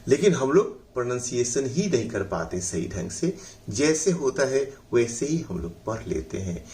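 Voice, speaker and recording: A middle-aged man with a Bihari accent teaching an English pronunciation lesson, saying words slowly syllable by syllable, repeating them, and often adding "है ना". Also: mid-range voice, very animated, darkish tone. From India. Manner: uses the filler "है ना".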